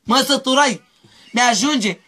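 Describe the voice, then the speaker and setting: Guy from mehedinti, real high sharp voice, rambly and repeating himself in a street interview. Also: a little hiss or hum. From Mehedinți, Romania. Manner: rambling, repetitive pleading.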